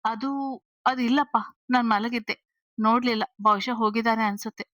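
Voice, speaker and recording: A woman voicing a nervous young woman who talks in a hurried, stammering way in an audio story. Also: a little high, fairly even intonation, a bit bright, no echo, studio quality, lightly acted. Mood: flustered. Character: nervous young woman hiding her boyfriend, flustered.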